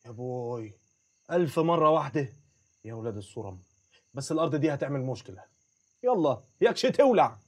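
A man's voice: medium pitch, very animated, fairly quick, long pauses. An actor playing a greedy, boastful village man in a film, speaking. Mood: scheming. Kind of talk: Egyptian film acting.

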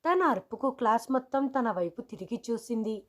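A woman narrating a story in a steady, even reading. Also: fairly high pitch, moderate pace.

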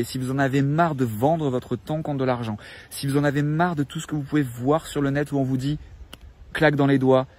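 A man in his thirties giving a salesy, filler-heavy pitch into a phone held at arm's length outdoors in a park. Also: darkish tone. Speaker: online coach in an ad. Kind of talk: selling pitch to camera.

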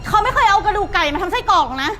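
A woman's voice: extremely high pitch, animated, rapid-fire, a little hiss or hum, full character voice. An actress playing a young woman who indignantly defends an older street vendor. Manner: indignant, loud.

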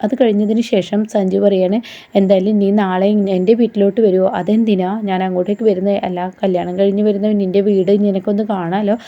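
A woman's voice: medium pitch, flat delivery, quick pace, warm tone. A woman casually retelling a TV serial episode step by step, quoting the characters' lines in her own voice. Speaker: TV serial recap vlogger. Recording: slightly dull lo-fi recording.

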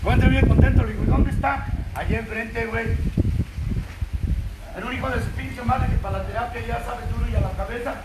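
Crude, swearing high-voiced Mexican man. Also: steady tone, brisk. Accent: Mexican Spanish. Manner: crude, mocking, swears constantly. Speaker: speaker sharing at a recovery group meeting. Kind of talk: profane testimony to a group. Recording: distant, roomy, noisy room recording.

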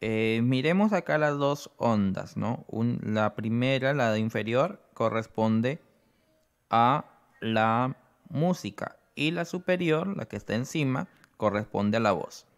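A man presenting an app tutorial, explaining each step slowly and checking in with the listener. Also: mid-range voice, animated. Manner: explains slowly, often adds "¿no?".

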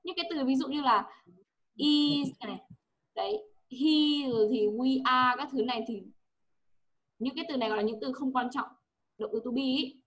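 A woman's voice: high-pitched, moderate pace. A woman English teacher with a Vietnamese accent, coaching a pupil one-on-one and patiently repeating words for her to echo.

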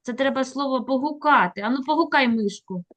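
Fairly high-voiced woman teacher coaxing a small pupil over a video call, slow and kind. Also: a bit bright. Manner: patient, encouraging, slow coaxing prompts. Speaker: literacy teacher. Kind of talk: online reading lesson with a child.

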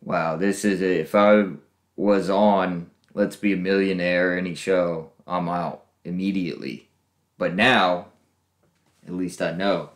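A man hosting a reaction video, guessing aloud with lots of laughs and unsure pauses. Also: low-pitched, steady tone, reverberant. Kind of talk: casual reaction commentary.

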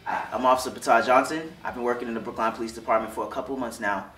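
A man's voice: mid-range voice, fairly even intonation, racing, slight background noise. Heartfelt young male officer, roomy sound. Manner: heartfelt, loose phrasing with restarts. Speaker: police officer. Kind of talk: interview testimonial. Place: studio with curtain backdrop. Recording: roomy studio, distant mic, soft music.

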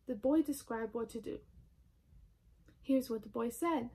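Soft-voiced woman reading a storybook. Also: on the high side, measured pace, slightly rough. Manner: gentle, expressive storytelling. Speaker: library volunteer reading aloud. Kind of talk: storybook read-aloud.

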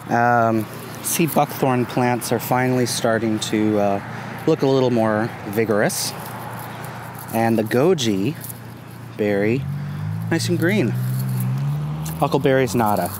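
Slow, easygoing man filming outdoors. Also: lowish voice. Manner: relaxed, easygoing, lots of ums and uhs. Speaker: gardening vlogger. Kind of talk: casual walking garden tour. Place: outdoors in a sunny community garden. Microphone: phone held at arm's length. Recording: outdoor phone recording with traffic noise. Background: passing traffic and outdoor ambience.

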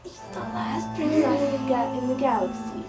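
A woman's voice: high voice, moderate pace, over loud music, close to an everyday voice. A woman playing a fatherly, insistent king in an amateur film parody. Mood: resigned. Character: fatherly, insistent king herding his reluctant daughter. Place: indoors in a house hallway. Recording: echoey, distant camera mic, noisy.

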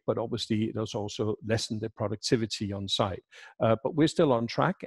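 Low husky man on a headset call. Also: no echo. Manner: measured, with frequent fillers and restarts. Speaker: pavilion director. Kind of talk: video call interview. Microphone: headset mic on video call.

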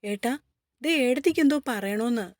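A woman's voice: on the high side, lively intonation, normal speed, no room sound, studio quality, natural voice. A woman reading as a cheeky younger sister. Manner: playful, whiny.

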